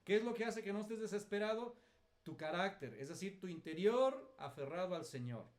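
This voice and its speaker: High-voiced Mexican pastor teaching. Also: male voice, lively intonation, brisk. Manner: colloquial, self-mocking storyteller. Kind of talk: lively teaching with personal anecdotes.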